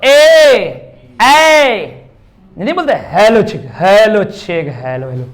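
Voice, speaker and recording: High-pitched man teaching a classroom lesson. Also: moderate pace. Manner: lively, repeats sounds aloud and drills students; calls students "bhai" often. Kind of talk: classroom lecture.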